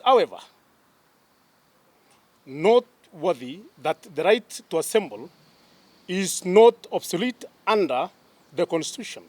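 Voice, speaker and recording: A man with a Kenyan accent, a police spokesman reading a formal statement in a deliberate, emphatic way. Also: high voice, dry recording. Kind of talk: official press statement.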